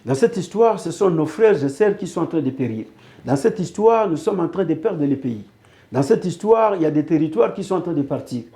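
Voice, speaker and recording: Earnest and a little fast, a Congolese (DRC) interview guest drives home his political points by repeating phrases. His fairly high voice is warm and expressive.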